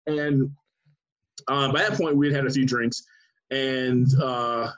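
A man who works as a sports writer, telling an animated anecdote in casual chat with many restarts. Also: medium pitch, slow, lo-fi sound.

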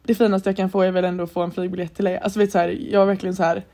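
A woman's voice: mid-range voice, level tone, warm tone. A young woman from Sweden co-hosting a podcast, telling a story in casual chat and acting out the lines she quotes. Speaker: podcast co-host.

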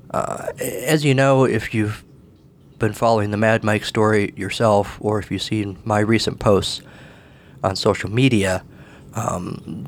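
A man with a cold, husky in voice, hosting a solo podcast from his table at home in a rambling, wry way. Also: on the low side. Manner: rambling, wry, self-deprecating. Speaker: podcast host. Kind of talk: casual solo podcast monologue.

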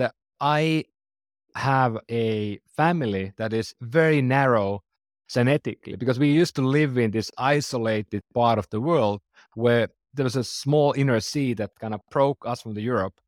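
A man's voice: mid-range voice, normal speed, no echo, clean studio sound. A man in his forties with a Finnish accent, a startup founder talking earnestly in a conversational interview, phrasing loosely with restarts. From Finland. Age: 40s.

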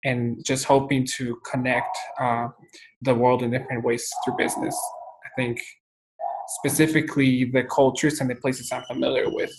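A young man from Guatemala tells his story as an interview guest, calm and methodical. His pitch barely moves, so the delivery sounds even and level. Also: normal speed, background noise. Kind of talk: casual interview answers.

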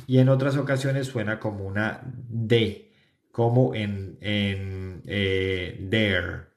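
A man's voice: mid-range voice, roomy sound. A man from Colombia with a Colombian Spanish accent, giving an English pronunciation lesson and often checking understanding with the class. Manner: explanatory, repeats "¿cierto?" to check understanding. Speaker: English teacher.

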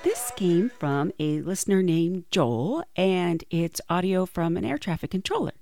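A woman's voice: fairly low pitch, animated, measured pace, a little mellow, faint music behind. A woman casually telling personal stories as a podcast host. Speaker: podcast host and flight attendant.

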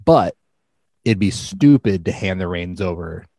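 Podcast host, man, lively swinging low voice, dry close sound, jokey sports chat. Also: unhurried, dry recording. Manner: joking, animated, teasing.

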